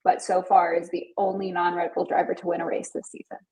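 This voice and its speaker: A woman's voice: on the low side, level tone, a little fast, warm tone, poor audio. Woman cohost, upbeat, playful, chatty podcast sign-off vibe. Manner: upbeat and playful, wraps up the show. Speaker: podcast co-host. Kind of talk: casual chat.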